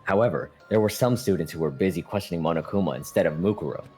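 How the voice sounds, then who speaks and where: A man's voice: low voice, fast, warm tone, soft background music. A man casually reading narration for a group fan dub, stumbling and joking as he goes. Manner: laid-back, stumbles and jokes while reading. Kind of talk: casual narration of a game script.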